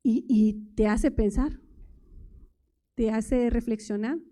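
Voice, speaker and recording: A woman's voice: a little high, slow, dark tone. A woman preaching a sermon at a church service, talking in a conversational way and putting many rhetorical questions to the congregation. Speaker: lay preacher.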